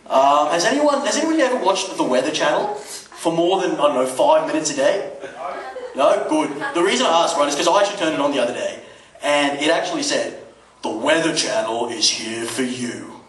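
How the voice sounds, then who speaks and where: With an animated, fairly bright voice on the high side, a Dubai man delivers a fairly quick stand-up routine at a comedy club, chatty and laced with rhetorical questions and curses. Audience laughter and background noise fill the roomy, noisy recording from a distant mic.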